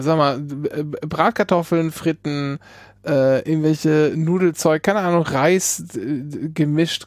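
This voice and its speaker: Male podcast co-host: slightly high voice, dry close sound, halting casual delivery, thinks aloud. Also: no room sound. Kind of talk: casual chat.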